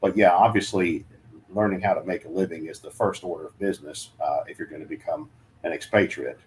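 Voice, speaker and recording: Low-voiced hesitant man, faint noise. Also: fairly even intonation, fairly quick. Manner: hesitant, many fillers and restarts. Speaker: guest, relocation adviser. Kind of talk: casual chat.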